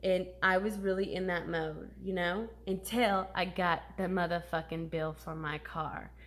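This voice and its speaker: A woman's voice: lowish voice, steady tone, unhurried, a bit bright. A woman in her thirties talking candidly and emotionally in a personal vlog, swearing casually as she confides. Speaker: vlogger.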